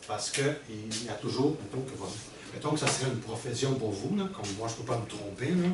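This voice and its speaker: Explaining step by step and frequently checking in with his audience, a middle-aged man teaches a workshop. He speaks fairly quickly at medium pitch and sounds expressive, captured in a roomy, distant recording with background noise.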